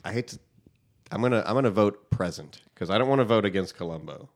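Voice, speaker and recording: Animated, joking male quiz host. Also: fairly low pitch, fast. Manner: joking, swearing, laughs often. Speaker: host running a trivia quiz. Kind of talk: casual podcast banter.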